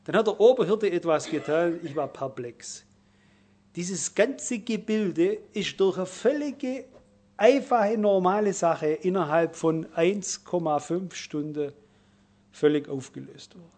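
A middle-aged man delivers a sermon in a fairly high voice. He leans hard on key words, stretching them out and getting louder, then falls back to a hushed aside. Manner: emphatic, slows down and swells in volume on key words, then drops quiet. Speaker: preacher.

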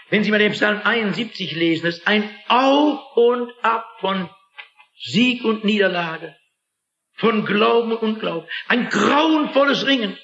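A man with a high, slightly bright voice preaches a sermon with emphatic drama, frequently putting rhetorical questions to his listeners. The recording is lo-fi, dull and echoey.

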